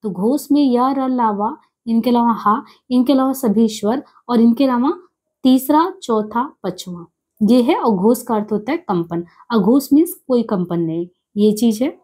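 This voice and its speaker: A woman teaching an exam-prep grammar lesson, explaining step by step and repeating each sound and letter slowly. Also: on the high side, expressive, mellow, husky.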